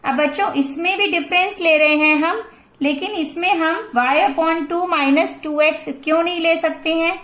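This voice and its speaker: Slow, high-voiced Indian woman teacher. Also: fairly bright tone, reverberant. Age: 40s. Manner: slow, patient explaining that mixes Hindi and English. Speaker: math teacher. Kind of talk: classroom lesson explaining a math problem.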